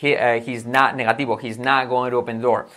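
A man from Spain with a Spanish accent, teaching English in a chatty, lively video lesson, repeating examples slowly and clearly. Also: medium pitch. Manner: switches between Spanish and English, repeats examples with drawn-out pronunciation.

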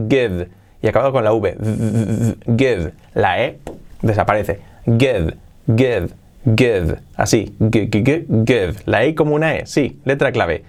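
A man with a Spain Spanish accent teaching English pronunciation in an online lesson, lively and repeating drill words again and again. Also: medium pitch.

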